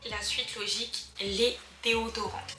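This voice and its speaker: A young woman chats through beauty tips in a relaxed vlog, full of fillers and speaking right to her viewers. Her voice is bright and forceful, at a middle pitch. It sounds echoey in the room, with faint music behind. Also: measured pace. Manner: chatty, filler-heavy, addresses viewers as girls. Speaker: beauty vlogger. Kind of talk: casual chatty beauty advice vlog.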